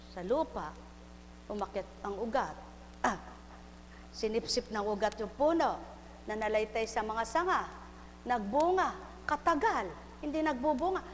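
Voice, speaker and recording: A woman preaching a live sermon, fervent and full of refrains, moving from soft confession to loud exhortation. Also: high-pitched. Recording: hall reverb, faint hum.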